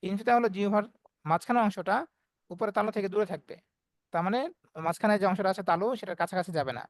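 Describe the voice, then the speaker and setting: A man's voice: high-pitched, fast, dry recording. A man teaching Quran recitation in an online class, explaining step by step and voicing the letter sounds as examples.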